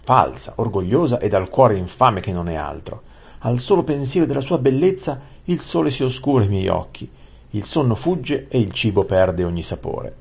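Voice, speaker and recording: A man voicing a hot-tempered young prince who shouts and rants. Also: medium pitch, expressive, moderate pace, creaky, slightly rough, voice pushed up. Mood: furious. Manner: shouting, ranting.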